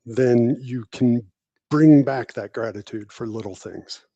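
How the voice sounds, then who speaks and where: A podcast guest who works in technology and is an army veteran answers interview questions conversationally, explaining plainly in short declarative phrases. His medium-pitched voice is warm and measured, captured in a dry, lo-fi recording.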